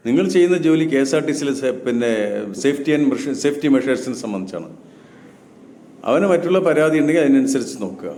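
A man's voice: on the high side, dark tone. A man giving spoken commentary and lecturing with rhetorical questions. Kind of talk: reaction commentary. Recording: roomy echo with long reverb.

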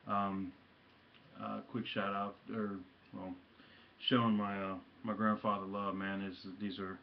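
A man with a low, fairly monotone voice talks through his latest hat pickups in his room, stumbling through fillers and tossing out shout-outs. He has the hiccups. The audio is dull and lo-fi, with a faint hiss under it. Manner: halting, many ums and uhs, slangy shout-outs. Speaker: hat and jersey collector vlogger. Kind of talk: casual show-and-tell vlog.

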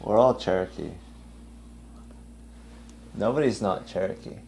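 Low-voiced man cracking deadpan jokes. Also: measured pace, creaky, a little hiss or hum. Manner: deadpan jokey quips. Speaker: podcast host. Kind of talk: casual comedic banter. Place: hotel room.

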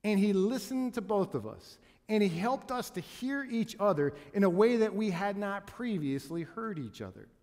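A man's voice: sits high, animated, normal speed, hardly any pauses, a little mellow. A man pastor preaching a sermon in earnest, with frequent restarts and repeated words. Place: church sanctuary. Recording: long reverb of a church hall.

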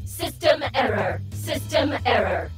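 Malfunctioning robot guardian, robotic effect, high, very slow, flat mechanical repetition, game music behind. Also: female voice. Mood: glitching. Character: malfunctioning robotic guardian repeating error alerts.

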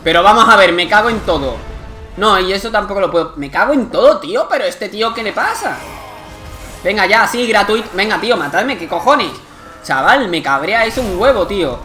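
A young man from Spain with a Spanish accent, commenting live on his gameplay, excitable and swearing often in frustrated outbursts. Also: sits high, a little fast, faint music behind. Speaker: gaming youtuber.

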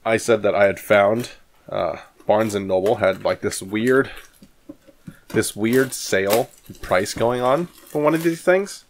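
A man in his thirties talks through an unboxing in a loose, rambling way, often restarting his sentences. His voice sits on the low side. He speaks into a studio microphone in a small room at home, with a faint hiss underneath. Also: a little slow. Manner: chatty, rambling, with many fillers and restarts. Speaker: card collecting channel host. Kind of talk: casual vlog and pack opening. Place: small home room with shelves of collectibles, indoors. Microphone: studio microphone on arm in front of him.

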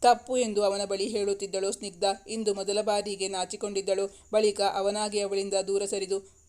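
Flat-voiced woman narrating a romance story. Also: medium pitch, normal speed.

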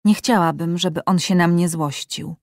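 Brief: a woman playing a timid, hurt young woman, soft-spoken, in a dry audiobook. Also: fairly low pitch, moderate pace, no room sound, close to an everyday voice.

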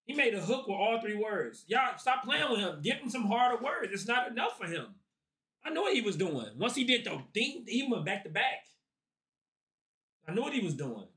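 Hyped high-voiced man reacting. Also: moderate pace, echoey room, far from the mic. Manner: excitable, slangy, talks over the clip. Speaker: reaction video host.

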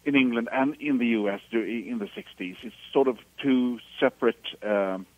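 A man from Sweden in his fifties, a musician being interviewed on the radio, talking hesitantly and restarting phrases as he warms up about records. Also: medium pitch, moderate pace, dry recording, phone-quality sound. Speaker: musician guest. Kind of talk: radio interview over the phone.

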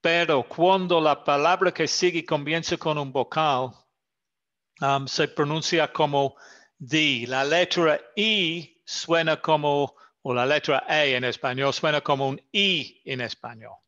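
A man whose first language is English, teaching an English grammar lesson in Spanish, slowly and carefully repeating example words for his student. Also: on the high side, steady tone, fairly bright tone. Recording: slightly dull lo-fi sound.

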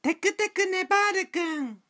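A woman's voice: very high voice, moderate pace, pushed and bright. A woman voicing a cheerful cutesy mascot who narrates short stories and tacks a cute verbal tic onto every sentence. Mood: upbeat. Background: light background music.

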